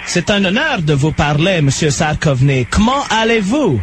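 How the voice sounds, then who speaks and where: Prank-call bit: man putting on a clumsy anglophone dignitary, English accent, lively high voice, overly polite. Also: normal speed, a little hiss or hum. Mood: mock-formal. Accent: put-on English accent in French. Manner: overly formal, fumbling French grammar. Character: bumbling English-speaking male official on a prank call.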